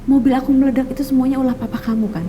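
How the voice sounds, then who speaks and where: Kejora is a young woman doing a girlfriend from a TV soap who presses hard for answers in a high, rapid voice. She sounds insistent and refuses to let the subject drop. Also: flat delivery, warm tone, soft background music, lightly acted. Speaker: actress in a TV soap. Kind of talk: TV soap acting.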